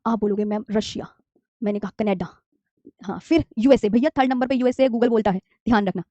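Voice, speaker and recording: A high-pitched woman in her thirties teaches a geography class and calls her students dear children. She coaxes and repeats every key term, often slipping English words into her talk. The recording is dry, dull and lo-fi. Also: fast talker, warm tone, dry recording. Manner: coaxing, repeats key terms and asks students to say them along. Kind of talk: online geography lesson. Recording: dry, slightly dull lo-fi mic.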